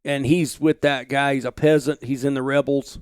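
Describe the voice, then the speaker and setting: A man's voice: medium pitch, level tone, normal speed, smooth, no room sound, studio quality. A man talking as a podcast guest, thoughtful and reflective, drawing on history and books in casual conversation. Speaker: guest, outdoor journalist.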